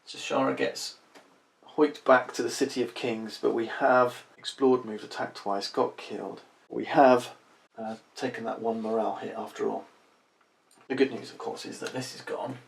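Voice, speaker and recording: Gravelly man explaining game rules. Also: mid-range voice. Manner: talks through rules aloud, thinking as he goes. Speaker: board game reviewer. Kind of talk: casual board game playthrough.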